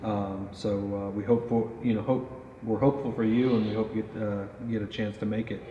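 Recorded with roomy echo, dull sound and faint noise, a man in his thirties talks a little fast in a lowish voice with fairly even intonation. He's a company pro staff interviewer at an indoor range, casually interviewing a guest and explaining archery gear for a product interview, full of fillers.

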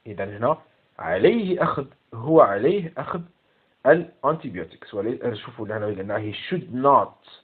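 A man's voice: medium pitch, lively intonation, normal speed, husky. A man with an Algerian Arabic accent corrects an English exam, repeating each English word and explaining it in Arabic. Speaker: English teacher. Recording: tinny phone-like sound.

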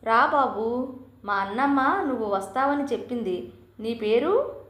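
A distraught older uncle with a bald head who talks in shaken, pleading words, as a woman narrator reads him. The voice sits a little high and rings with a roomy echo. It is a storybook reading. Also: lively intonation, unhurried, a bit bright. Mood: welcoming.

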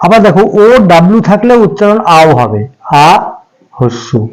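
A man's voice: high-pitched, sing-song, normal speed, poor audio. A man teaching English pronunciation, spelling out letters one by one and repeating each sound patiently. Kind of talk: slow classroom explanation.

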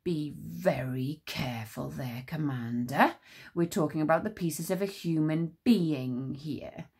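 A woman voicing a cautious male enchanter who speaks low and measured. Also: darkish tone, breathy edge, full character voice. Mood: wary.

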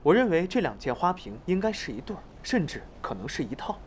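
A man's voice: on the high side, very animated, brisk, a little hiss or hum. An actor playing a composed, wealthy young man giving a polite, formal interview statement in a TV drama.

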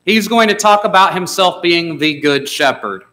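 Man preaching in a church, bright voice, conversational, asks the congregation questions. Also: sits high, expressive, normal speed, low-quality recording. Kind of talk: sermon. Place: church sanctuary.

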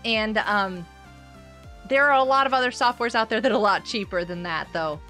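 Chatty mom streamer on a headset mic, crisp bright voice, laughs a lot. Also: female voice, medium pitch, moderate pace, soft background music. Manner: chatty, greets viewers by name, laughs often. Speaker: livestream host and homeschooling parent. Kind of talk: casual livestream chat while playing a game.

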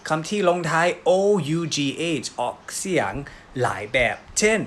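A man with a Northeastern Thai accent teaching English pronunciation, drawing out each word slowly as he models it. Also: on the high side, sing-song, a bit bright. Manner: slow, drawn-out word modelling. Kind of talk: pronunciation lesson.

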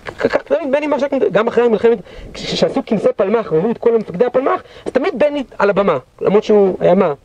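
A man leading a guided history tour, telling battle stories dramatically and acting out the shouts of those involved. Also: very high voice, animated, dry recording. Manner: dramatic storyteller, acts out quoted shouts. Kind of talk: guided tour storytelling lecture. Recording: dull lo-fi recording.

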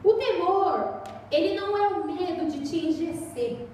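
A young Brazilian woman with a very high-pitched, warm and expressive voice preaches a sermon at an unhurried pace. She tells stories in a chatty way and acts out voices. She's captured from far off in an echoey church hall, with slight background noise.

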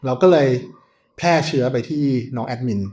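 A man's voice: medium pitch, brisk, darkish tone, a little hiss or hum. A man, the senior on the team, leading a casual podcast chat, blunt with slang.

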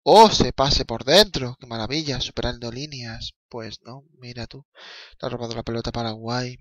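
A young man from the Canary Islands commentating his own football video game on a live stream, rambling and excitable with swearing and laughing asides. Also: medium pitch, moderate pace, dry recording, highs cut off.

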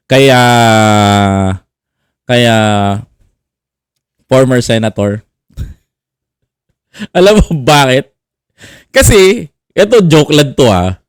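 A man's voice: mid-range voice, animated, slow, pauses often, smooth, no echo, clean studio sound. A man hosting a vlog, giving casual teasing commentary, laughing often and repeating himself. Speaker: vlogger host.

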